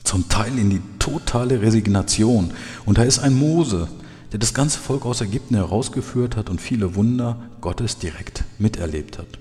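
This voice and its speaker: A church leader with a lowish, dark, animated voice preaches a sermon with Bible readings at a moderate pace. He's earnest and builds to emphatic outbursts, heard with long hall reverb and faint background music.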